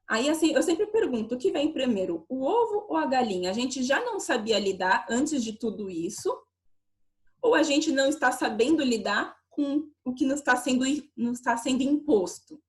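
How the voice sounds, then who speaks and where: A woman's voice: sits high, expressive, moderate pace. A woman giving an online lecture over a video call, explaining with many rhetorical questions.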